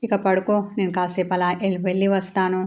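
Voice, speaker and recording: A woman voicing a playful, teasing young husband in a romance story, in a flat, lowish voice. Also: a little fast, natural voice. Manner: flat, even reading voice.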